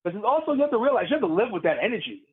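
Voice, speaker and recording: A man, a professional wrestler, telling stories in a casual interview, lively and laughing as he acts out the crowd's voices. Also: high voice, very fast, husky, phone-quality sound. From Puerto Rican heritage.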